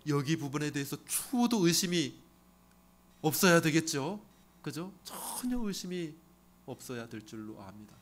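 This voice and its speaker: A man's voice: on the high side, very animated, moderate pace. A man preaching a sermon as pastor, emphatic, repeating phrases and asking the congregation questions.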